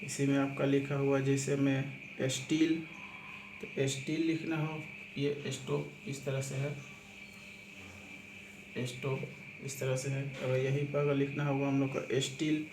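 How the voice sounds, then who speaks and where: A man teaches shorthand in a flat, even voice, going step by step and repeating each word as he writes it. The room is echoey, with a clear hiss of noise behind him. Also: medium pitch, a little slow, pauses often. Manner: repetitive, step-by-step explaining, keeps saying "aapka"; spells out words letter by letter. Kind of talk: spoken lesson walking through examples.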